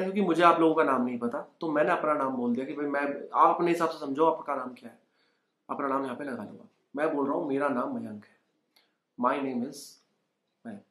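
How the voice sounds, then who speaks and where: Recorded in an echoey room at home, this lesson has a young Indian man teaching spoken English via Hindi and encouraging students to repeat after him. His voice is a little high with a fairly bright tone.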